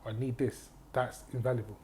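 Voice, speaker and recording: A man's voice: mid-range voice, steady tone, brisk, warm tone. A man, a guest on a casual podcast interview, speaking with confidence as he gives advice, repeating key phrases and checking that the listener is following him. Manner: checks in with "do you get what I mean". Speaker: guest, property investor and trainer.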